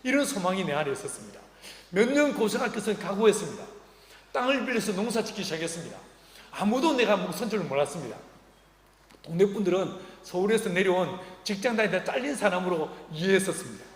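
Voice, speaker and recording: A middle-aged male pastor delivers a sermon in a reverberant church hall, his voice sitting high for a man. He tells stories with a light, humorous touch. He slips into the voices of the people in them. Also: lively intonation, quick pace. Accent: Korean. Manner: humorous, acts out quoted dialogue. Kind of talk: sermon with storytelling. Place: church sanctuary.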